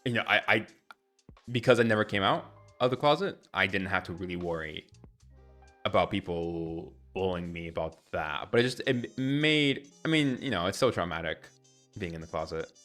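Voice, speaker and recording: A young Ecuadorian man chats candidly on a live stream, answering viewers while rambling and correcting himself. His voice is deep with a fairly bright tone at a normal speed, and faint music plays behind him.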